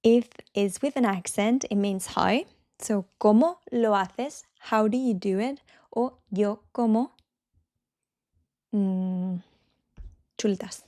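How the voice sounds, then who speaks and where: Woman teacher explaining a lesson, mellow warm voice, slows way down to show how words sound. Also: on the high side. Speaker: Spanish teacher and channel host. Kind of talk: online language lesson.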